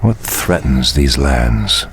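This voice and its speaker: An actor playing an ancient, brooding night elf druid in a video game, grave and theatrical, with a gravelly bass. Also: male voice, big pitch swings, takes it slowly, a loud crowd, full character voice. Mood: grave, commanding. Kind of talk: video game hero responses. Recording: loud game music behind the voice.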